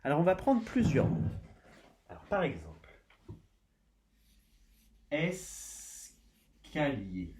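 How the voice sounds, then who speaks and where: A man teaching a spelling lesson to young children, slow and deliberate, sounding out syllables and letters one by one. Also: fairly high pitch, wildly swooping pitch, mellow, slight background noise. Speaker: primary school teacher.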